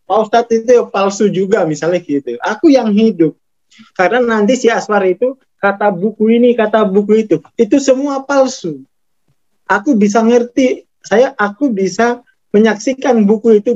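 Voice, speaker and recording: Male spiritual teacher, Javanese accent, high and unhurried, laughs through his points, dull recording. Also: a little mellow. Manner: chuckles often, acts out scolding inner voice. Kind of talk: casual spiritual talk.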